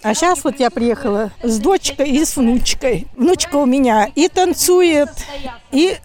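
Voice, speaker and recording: A woman's voice: sits high, animated, measured pace, darkish tone. Elderly woman reminiscing in folksy speech. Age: 70s. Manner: plain folksy storytelling, repeats herself. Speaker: interviewee, retired villager. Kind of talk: reminiscing interview. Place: outdoors at a former village site.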